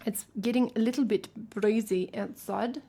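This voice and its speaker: Mellow-voiced English woman chatting on stream. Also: on the high side, steady tone, normal speed, gravelly, a little hiss or hum. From England. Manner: playful, self-mocking asides to chat. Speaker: singer-songwriter streamer. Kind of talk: casual chat between songs on a live music stream. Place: at home. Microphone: headphones with cable.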